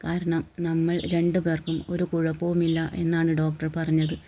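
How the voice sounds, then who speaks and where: A storyteller reading the lines of a stubborn young wife in a storybook, in an even, unchanging reading voice. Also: mid-range voice, normal speed, slight background noise, natural voice. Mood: insistent. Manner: stubborn, insistent. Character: determined young wife desperate for a child.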